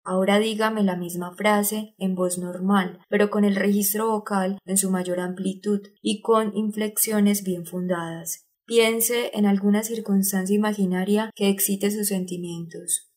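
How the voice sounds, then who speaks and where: This is an exacting older male acting teacher, read by a woman narrating an audiobook. He speaks at a middling pitch and lays out each lesson step by step. His manner stays didactic and instructive throughout. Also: fairly even intonation, measured pace, hardly any pauses, darkish tone, lightly acted. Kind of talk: audiobook reading of a character.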